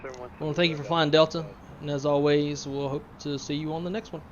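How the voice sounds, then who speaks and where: A man's voice: on the high side, fairly even intonation, a little fast, highs cut off, slight background noise. Man giving a captain's cabin announcement. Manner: casual, hesitant with fillers. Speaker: flight sim streamer playing airline captain.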